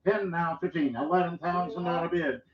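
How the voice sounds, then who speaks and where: High-pitched man chanting as an auctioneer. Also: far from the mic, a crowd in the background. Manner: auctioneer's chant, rapid repeated numbers. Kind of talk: live auction calling. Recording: echoey, dull lo-fi room sound.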